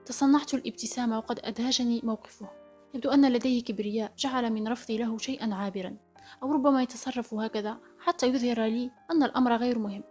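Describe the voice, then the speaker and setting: A woman narrates a story in the first person, reading briskly and steadily. Her voice sits a little high and the pace is fast. Soft music plays faintly behind her. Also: fairly even intonation. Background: faint background music.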